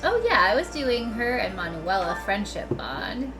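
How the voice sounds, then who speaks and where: A woman's voice: mid-range voice, very animated, normal speed. A woman giving casual commentary as she streams a game, chatty, fond and reactive. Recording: voice over clear game music.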